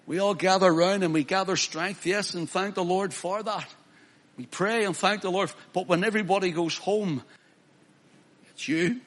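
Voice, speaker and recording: A male preacher, delivering a sermon, swinging from loud emphatic declaiming to quiet pleading. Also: high-pitched, normal speed.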